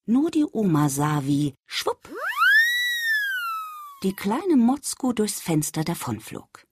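A woman reading a children's story aloud, speaking gently and addressing the young listener directly. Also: mid-range voice, sing-song, slow, very noisy.

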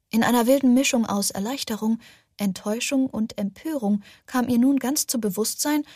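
A woman narrating a novel as an audiobook, in an even, measured delivery. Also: on the high side, dry recording, clean studio sound.

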